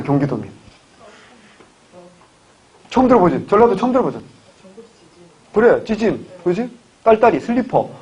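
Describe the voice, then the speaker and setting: The lecturer is a man from the Gyeongsang region whose voice is fairly high with a darkish tone. Teaching exam-prep history, he constantly asks questions and then answers them, heard through a dull lo-fi recording with faint hiss.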